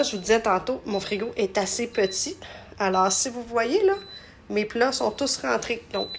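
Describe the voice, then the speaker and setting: Gravelly-voiced Québécois woman demoing at home. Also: fairly high pitch, noisy background. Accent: Québécois French. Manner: chatty, stumbles over words. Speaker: home products seller. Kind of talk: casual live product demo. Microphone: phone.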